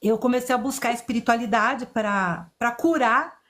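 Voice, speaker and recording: High-voiced woman in her fifties. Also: moderate pace, a bit bright. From Chile. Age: 50s. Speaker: guest. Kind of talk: personal storytelling in conversation.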